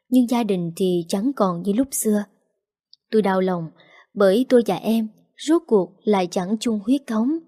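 Warm-voiced woman narrating a story. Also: medium pitch. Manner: emotional, measured reading. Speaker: audiobook narrator. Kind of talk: first-person storytelling narration.

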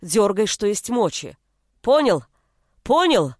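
A woman's voice: medium pitch, lively intonation, unhurried, dry recording, clean studio sound. A woman voicing a young village woman, a fierce, blunt-spoken elder sister protecting her little brother. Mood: furious. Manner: blunt, rough-spoken, shouting in anger.

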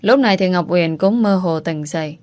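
A woman narrating a family drama audiobook in a steady, dramatic reading. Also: fairly low pitch, moderate pace, dry recording. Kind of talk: scripted storytelling narration.

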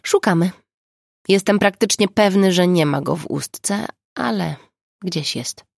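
A woman voicing a gruff, wry male police inspector in an audiobook, blunt and sardonic. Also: fairly low pitch, measured pace, no echo, clean studio sound, pitched above the performer's own voice.

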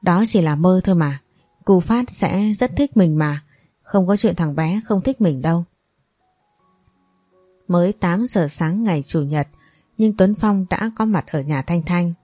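A woman calmly narrating a scripted family story. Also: fairly low pitch, measured pace, long pauses, no room sound, soft background music.

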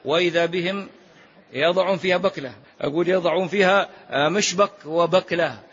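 A man's voice: high-pitched, brisk, fairly bright tone, slight background noise. A man giving a didactic religious lesson in formal Standard Arabic with colloquial asides, repeating phrases and posing questions to his listeners. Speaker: preacher teaching before congregational prayer. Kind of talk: religious lesson, explaining scripture. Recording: muffled, dull lo-fi lecture recording.

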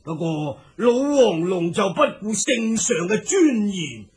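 A man's voice: high voice, sing-song, slow pace, a little mellow, pitched above the performer's own voice, full character voice. A man voicing a spiteful, haughty sea Dragon King in a Cantonese storybook drama, declaiming formal accusations. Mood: indignant, self-justifying.

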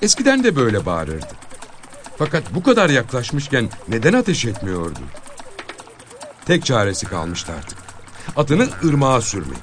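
A man reading a dramatic story aloud as narrator, expressive and with measured pauses. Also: mid-range voice, slight background noise.

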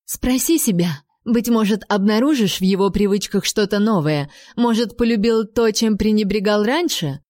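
A woman voicing a drunk, jealous noble duchess who sneers and shouts spitefully in an audiobook. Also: medium pitch, normal speed, no room sound, studio quality, close to an everyday voice. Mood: spiteful shouting.

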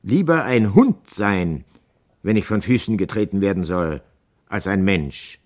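Storybook husband, read by a man, resolute, gently persuasive, earnest, low voice. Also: animated, unhurried. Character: determined horse dealer, tender but resolute husband.

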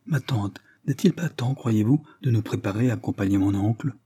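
A man's voice: on the low side, normal speed, warm tone, slightly rough, no echo. A man reading an audiobook, voicing an impatient young noblewoman who is polite but eager.

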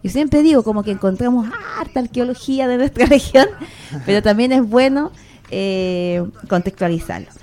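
A woman with a mellow voice on the high side hosts a radio program from the studio, speaking at a normal pace. Introducing her guests in easygoing talk, she muses aloud using fillers and tag questions.

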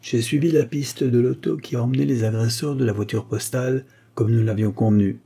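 A man's voice: medium pitch, fairly even intonation, fairly quick, mellow, slightly rough. A man voicing a methodical American detective who reports findings in a matter-of-fact way.

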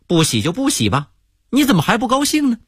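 A man's voice: fairly high pitch, huge pitch swings, a little fast, slightly rough, no room sound, clean studio sound, exaggerated voice. A man voicing a puzzled American hotel guest who keeps pressing with questions. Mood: baffled, insistent.

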